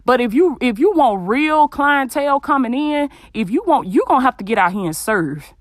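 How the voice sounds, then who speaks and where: A woman's voice: high-pitched, lively intonation, moderate pace, no echo, studio quality. A woman hosting a podcast, giving an informal, preachy motivational talk in a blunt, emphatic way and repeating phrases for effect. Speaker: podcast host giving motivational business advice. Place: small closet at home.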